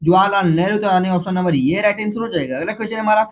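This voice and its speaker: A man with a Jharkhand Hindi accent teaching exam prep, rushing through multiple-choice questions, repeating each one and correcting himself as he goes. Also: high-pitched. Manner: repeats each question, then announces the option letter; hurried, with frequent restarts and self-corrections. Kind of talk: quick-fire multiple-choice quiz review.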